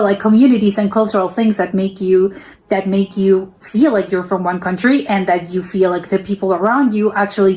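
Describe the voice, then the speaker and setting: A woman's voice: medium pitch, darkish tone. An American woman hosting a reaction video, thinking aloud in casual commentary full of fillers and restarts. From United States.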